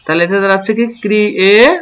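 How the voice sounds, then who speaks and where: A man with a fairly high voice teaching English pronunciation in an online lesson. He breaks each word into letters and syllables, repeats it slowly, then asks his students what it makes and gives the answer himself. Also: fairly bright tone. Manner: slow, spells words letter by letter and repeats them.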